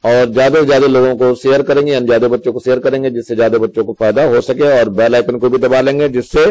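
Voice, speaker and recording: A man's voice: mid-range voice, steady tone, fast, darkish tone, poor audio. A male teacher explaining Hindi grammar to schoolchildren, reading examples out step by step in a patient way.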